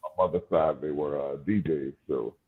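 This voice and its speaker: A man of about forty from New Orleans with a smooth, velvety voice, chatting casually as a musician guest in an interview. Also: extremely low pitch, normal speed. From New Orleans, USA. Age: around 40. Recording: thin, phone-like call audio.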